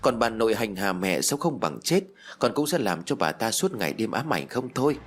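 A man's voice: fairly low pitch, very animated, normal speed, breathy edge. A man voicing the ghost of a young boy who is bitter and vengeful, with a sulky, childish, reproachful way of talking.

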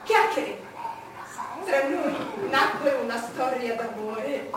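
Actress as haughty high-voiced queen in echoing theatre. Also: natural voice. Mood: dramatic recounting. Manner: haughty, declamatory, deliberate dramatic pauses. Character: imperious, lustful, proud queen recalling her past. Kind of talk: theatrical stage monologue. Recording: echoey theatre, distant noisy mic.

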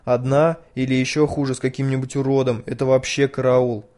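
A man's voice: mid-range voice, flat delivery, brisk, darkish tone, natural voice. A man voicing a frightened, chatty schoolgirl who squeals and pleads breathlessly.

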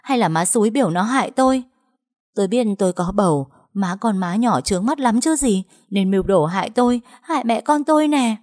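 A woman voicing a scheming young pregnant wife who wails and accuses in a tearful, shrill voice. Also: lively intonation, a little fast, a little mellow, close to an everyday voice. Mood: whining accusing.

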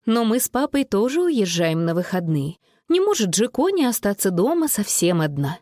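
A gently firm mother speaks in a lowered, measured and soothing way, as a woman reads her in an audiobook. Her intonation still moves a lot, and the sound is dry and close. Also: sing-song, dry recording, natural voice. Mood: calm. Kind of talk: audiobook character voice.

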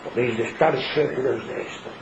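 An older man, preaching a fervent sermon full of rhetorical questions. He swings between loud exhortation and hushed emphasis. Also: mid-range voice, fairly quick. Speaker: lay preacher. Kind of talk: impassioned home sermon. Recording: muffled, with faint background noise.

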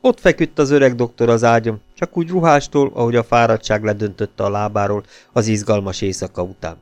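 A man narrating an audiobook in a steady storytelling manner. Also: fairly low pitch, no room sound. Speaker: audiobook reader.

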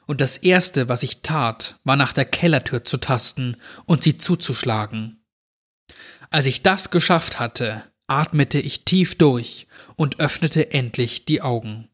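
A man narrates a horror story at a very slow, deliberate pace. His voice sits at a middle pitch. He reads in a measured, storytelling way.

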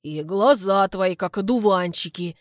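A woman's voice: mid-range voice, unhurried, dry recording, studio quality, close to an everyday voice. A woman voicing a clumsy, besotted village man who pleads and fawns, stumbling for words. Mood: pleading.

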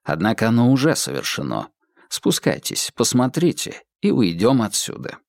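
A man voicing a calm, commanding male detective in a whispered role-play, his whisper low and steady. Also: moderate pace, vocal fry, no echo, clean studio sound, heavily acted.

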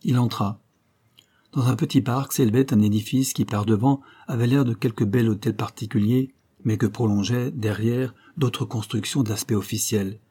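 A man reading a classic detective novel aloud as a narrator, with steady storytelling that rises in pitch for the characters' lines. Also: moderate pace, slightly rough. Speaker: audiobook narrator.

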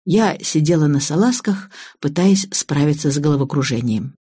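A woman narrating an audiobook in the first person, in a lively, expressive way. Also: sits low, moderate pace, husky.

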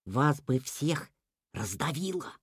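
A storyteller voicing an odd, timid male rabbit who talks slowly and earnestly, sometimes in a hush. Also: mid-range voice, big pitch swings, dry recording, studio quality, pitched above the performer's own voice. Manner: slow, earnest, hushed.

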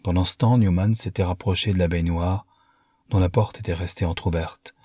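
Man, audiobook narrator, measured reading, very deep voice, dry close recording. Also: fairly even intonation, a little mellow, slightly rough, no room sound. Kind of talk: audiobook narration of a classic novel.

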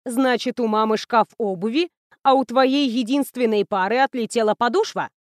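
A woman voicing a stern school principal in her seventies, speaking low, clipped and coldly controlled. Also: moderate pace, no echo, clean studio sound, lightly acted.

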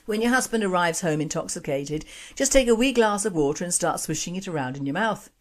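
A woman's voice: lowish voice, animated, brisk, natural voice. Brief: woman doing a dry male Glasgow doctor, Glasgow Scottish accent, matter-of-fact. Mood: deadpan. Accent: put-on Glasgow Scottish.

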